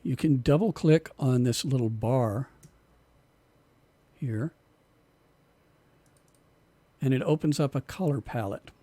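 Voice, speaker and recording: A man teaching an online music production class in a relaxed way, often repeating himself as he explains, and losing his voice. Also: medium pitch, measured pace, no room sound.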